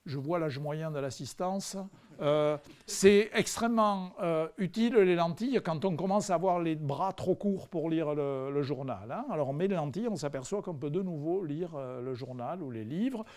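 Brief: French man, public science lecturer, mid-high voice, hesitant and chatty, wry humor. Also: lively intonation, moderate pace, darkish tone. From France. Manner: conversational, hesitant with frequent fillers; dry humorous asides to the audience. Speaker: physicist giving a public lecture. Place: lecture hall before a live audience.

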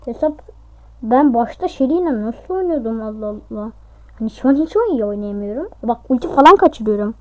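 A woman giving casual, excitable commentary over her own gameplay, talking to herself and shrieking at close calls. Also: on the high side, brisk, dry recording, highs cut off. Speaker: gaming YouTuber.

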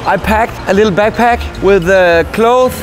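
A man's voice: sits high, measured pace, music in the background. A young man from Denmark with a Danish accent, vlogging on city streets and in a pub, joking with strangers and stammering on restarts. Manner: playful, awkward, stammers on restarts. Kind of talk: street vlog, chatting up strangers.

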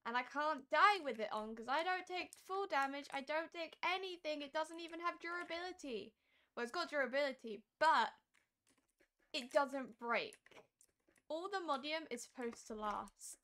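A hoarse woman who is losing her voice, chatting casually and thinking aloud while live-streaming a game. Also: high-pitched, lively intonation, moderate pace, bright, forceful tone. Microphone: streaming mic.

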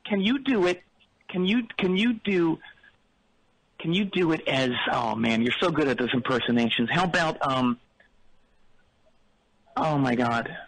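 A man's voice: fairly high pitch, animated, measured pace, pauses often, a bit bright, no echo, rough recording. A man calling in to a radio show, rambling earnestly and confidently wrong. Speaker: caller. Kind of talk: comedic call-in banter.

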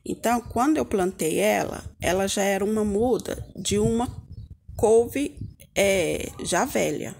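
A Brazilian woman hosts a homemade gardening video in an informal, homely way. Her mid-pitched voice has noticeable creak. It is recorded outdoors on a handheld device, with faint background noise and small clicks. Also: a little slow, a little mellow. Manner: addresses viewers as little friends, homely and informal. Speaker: gardening vlog host. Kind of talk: casual hands-on gardening tutorial. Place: outdoor home yard with potted plants.

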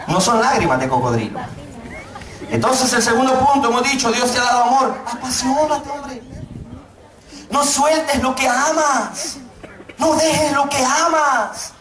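A middle-aged man preaching to a youth congregation, his voice pitched very high. He jokes with the crowd and then drags out key phrases. The room is echoey and the mic sits some way off. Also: distant mic. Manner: joking, calls out to the congregation, preaches slowly for emphasis. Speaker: pastor. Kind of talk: sermon. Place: church hall.

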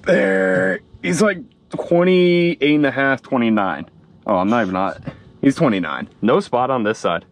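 A young man hosting a fishing vlog from a small boat at dusk, chatting casually and excitedly, saying "dude" a lot. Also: mid-range voice, measured pace. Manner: excited, laid-back, says "dude" a lot. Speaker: fishing channel host. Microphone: action camera mounted on cap.

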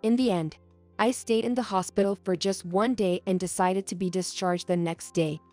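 A young adult woman reading a first-person story aloud as narrator, in a soft, earnest storytelling manner. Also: medium pitch, fairly even intonation, normal speed, no echo, soft background music.

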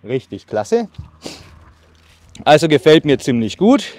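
A thirties-aged man who runs a bushcraft channel demos a saw outdoors in a tree-lined meadow, his casual talk full of fillers and pauses while he cuts, and he's slightly breathless from the work. His pitch is on the high side, with a sing-song, slightly mellow quality. The sound comes from a far tripod-mounted camera and is dry.

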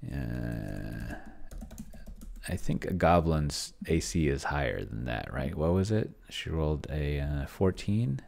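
Seated indoors at a desk in his home, a solo tabletop roleplayer tries out an AI game master and thinks aloud in casual screen-share commentary. The middle-aged man's voice is very deep and gravelly with a darkish, sing-song quality, and he mutters to himself haltingly while he works.

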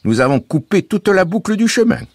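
Man putting on a loud, breezy canal keeper. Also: high-pitched, big pitch swings, brisk, husky, no room sound, voice pushed up, heavily acted. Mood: eager. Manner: exclamatory, loud and coaxing. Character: cheeky, breezy male canal keeper, adult.

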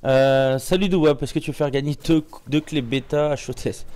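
A man streams his own match and chats over it in a loose, joking way, stumbling and restarting often. His throat is a little sore and he clears it from time to time. Faint noise sits under the voice. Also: mid-range voice, normal speed, dark tone. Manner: joking, chatty, many restarts and fillers. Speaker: game streamer. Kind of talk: casual live gameplay commentary.

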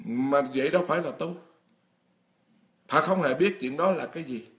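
Monk, middle-aged man, frank sermon voice, slightly high pitch, speaks straight to the hall. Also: moderate pace. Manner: blunt, emphatic, addresses the congregation directly. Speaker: Buddhist monk preaching. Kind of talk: dharma talk sermon.

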